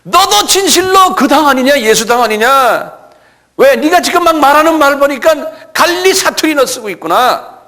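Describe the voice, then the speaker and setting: A man's voice: very high voice, expressive, moderate pace, in a large hall, pitched above the performer's own voice, full character voice. Man doing a pushy accusing servant. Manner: sharp, accusing.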